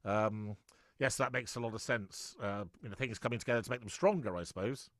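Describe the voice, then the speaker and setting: In studio-quality audio with no room sound, a middle-aged host talks his way through a casual interview chat at a fairly quick pace. His fairly low voice rambles, often tripping up and starting sentences over.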